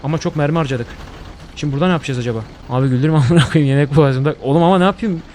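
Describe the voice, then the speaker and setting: A man's voice: fairly high pitch, very fast, a little mellow. Young man, horror game let's play, swearing, panicky outbursts, faint hiss behind. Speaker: gaming streamer.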